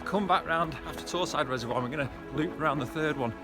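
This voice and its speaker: A fast-talking man with a fairly high pitch vlogs while running on a hillside trail near reservoirs. Music plays in the background as he chats conversationally and encouragingly to viewers.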